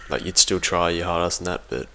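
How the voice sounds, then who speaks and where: A deep-voiced man talks fairly quickly with a sharp tone, slight background noise behind him. He's a competitive gaming team member giving an audio log, offering casual unscripted commentary in a hesitant, informal manner and frequently correcting himself.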